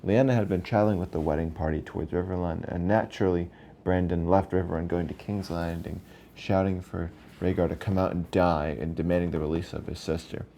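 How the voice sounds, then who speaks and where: A man's voice: low-pitched, fairly even intonation, a little fast, dark tone, a little hiss or hum. A man narrating a video casually from a script, stumbling over words now and then, his speech slightly slurred by a retainer in his mouth.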